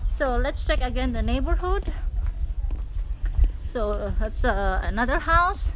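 A woman's voice: high-pitched, lively intonation, measured pace, fairly bright tone, a little hiss or hum, low-quality recording. A Filipino woman in her forties with a Filipino accent, giving a casual walking tour outdoors, recorded on a phone held at arm's length, chatty and full of "so" and "guys". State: sweaty from walking. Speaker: real estate vlogger. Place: outdoors on rural lanes and overgrown land. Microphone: phone camera at arm's length.

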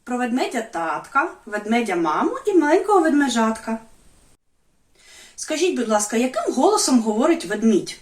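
Lively high-voiced kindergarten music teacher. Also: female voice, normal speed, echoey room. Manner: lively, sing-song, speaks to small children. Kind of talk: online music lesson for children.

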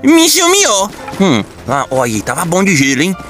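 A man giving excitable, exaggerated comedic commentary while playing a game, full of folksy slang. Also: mid-range voice, fairly quick, soft background music. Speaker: gaming comedy creator.

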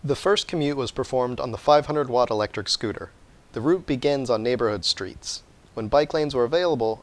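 An American man in his thirties, a vlogger and product reviewer, delivers a scripted review in the style of an online explainer. His voice sits at a middling pitch for a man.

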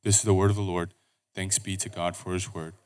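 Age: adult. Sex: man. Role: scripture reader at a pulpit microphone. Pitch: lowish. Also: level tone, a little fast, clean tone. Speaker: scripture reader at a church service. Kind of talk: reading scripture aloud in worship.

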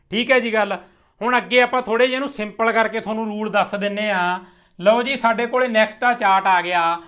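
High-voiced, bright teacher. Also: male voice. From Punjab. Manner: slow, deliberate modelling of English sentences, clear step-by-step explaining. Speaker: English teacher. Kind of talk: spoken English lesson explained in Punjabi.

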